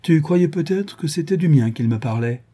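A man's voice: moderate pace, breathy edge. A man voicing a teasing, clever young woman in a read-aloud novel, in a raised, playful voice. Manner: lively, teasing, higher voice.

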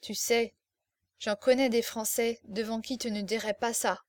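A woman's voice: a little high, fairly even intonation, measured pace, a little mellow, no room sound, natural voice. Defiant young woman in a storybook reading, vehement and raised, read by a woman. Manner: indignant, vehement.

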